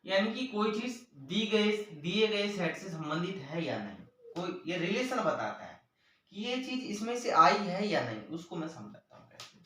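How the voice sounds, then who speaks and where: A very animated man leads a maths lesson, calling on the children repeatedly as he explains each step at a normal speed. His high, sharp voice swings widely in pitch and comes from a distant mic in a strongly echoing room.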